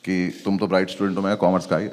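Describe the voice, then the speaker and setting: A man's voice: sits low, racing, a little hiss or hum. A male stand-up comedian telling a story on stage and acting out the people in it, with the audience laughing behind him. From India. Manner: animated storytelling, acting out others in quoted dialogue.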